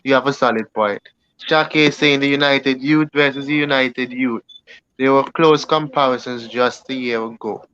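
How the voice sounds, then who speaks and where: A man's voice: medium pitch, steady tone, normal speed, bright, forceful tone, clear, resonant tone, no room sound, dull audio. A man hosting a casual football podcast, reading out viewer comments in a laid-back way.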